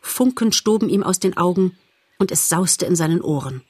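A woman narrating a children's animal story in a measured, expressive audiobook reading. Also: fairly low pitch, breathy edge, no echo.

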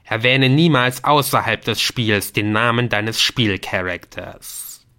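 A man's voice: fairly low pitch, heavily acted. A man reading as a solemn, commanding computer game voice. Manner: slow, loud, solemn pronouncements.

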